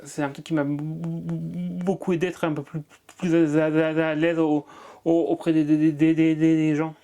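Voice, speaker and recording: In this interview, a Marseille comedian stutters heavily, with many repeated sounds. He has a fairly high, dark-toned voice, a flat delivery, and normal speed.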